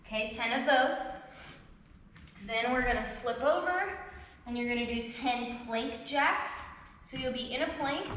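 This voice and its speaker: A woman's voice: sits high, fairly bright tone, a little hiss or hum. Breathless woman coaching in an echoey gym. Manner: coaching, explains each exercise step by step. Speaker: fitness instructor. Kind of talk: workout class instruction. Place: indoor gym or recreation hall. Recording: very echoey gym with long reverb.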